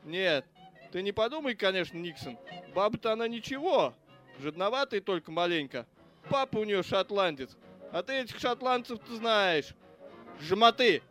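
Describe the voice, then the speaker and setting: High-voiced and crude, this is a foul-mouthed cop, read by a man who rants and swears without pause. Faint music plays beneath the audiobook reading. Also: expressive, fairly bright tone. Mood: ranting. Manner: crude, ranting, cursing. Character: foul-mouthed grudging adult male cop.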